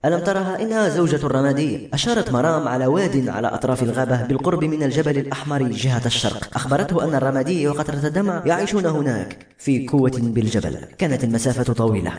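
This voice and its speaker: A man reading a novel aloud as narrator in brisk, steady storytelling. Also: mid-range voice, roomy sound. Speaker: audiobook narrator.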